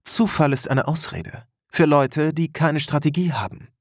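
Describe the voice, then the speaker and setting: A man voicing a poised, enigmatic young woman with a sharp, teasing tongue in an audiobook. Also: on the high side, unhurried, no room sound, clean studio sound, pitched above the performer's own voice. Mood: cool teasing. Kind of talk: audiobook dialogue.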